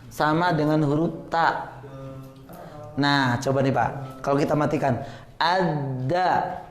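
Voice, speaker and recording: A man's voice: on the high side, takes it slowly. A man teaching Quran pronunciation in a live class, patiently correcting students and demonstrating letter sounds. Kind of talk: live tajwid class instruction. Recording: echoey room.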